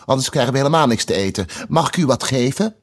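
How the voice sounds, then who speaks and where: A man's voice: medium pitch, lively intonation, fast. A man voicing a polite, slightly nervous young girl in a storybook reading. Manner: polite, hesitant.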